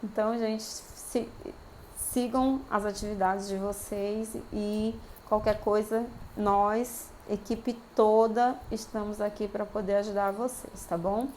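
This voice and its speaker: Brazilian female lecturer, mid pitch, a little under the weather, encouraging recorded talk to students. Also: steady tone, takes it slowly, darkish tone, a little hiss or hum. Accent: Brazilian Portuguese. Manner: encouraging, keeps checking in with "tá bom?". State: voice worn by a cold. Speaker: university lecturer.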